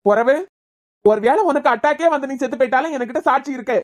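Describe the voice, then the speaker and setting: A woman with a Kanyakumari Tamil accent does cartoon voice work as a stern young male doctor who grills and scolds with pressing intensity. Her high-pitched voice moves quickly and stays close to her everyday sound.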